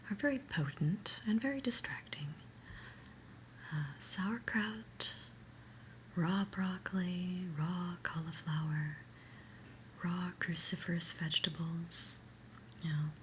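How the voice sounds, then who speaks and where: In an ASMR roleplay, a woman whispers as a stern, unimpressed female boss, firm and dry, her breathy delivery very slow, slightly low and marked by officious emphasis. The voice stays close to everyday speech, and the rough recording carries faint background noise.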